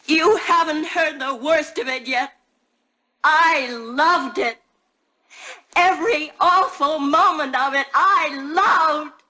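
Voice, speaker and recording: Brief: a tormented woman baring her past. Breathy, sharp-edged tone. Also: medium pitch, steady tone, unhurried, heavily acted. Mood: fervent. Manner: hushed, intense whispering turning fervent. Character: haunted woman confessing a dark girlhood secret.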